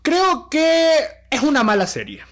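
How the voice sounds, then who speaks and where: A young man with a high, light voice. He co-hosts a casual podcast, talking in an animated way and often restarting mid-sentence. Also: measured pace. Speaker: podcast co-host.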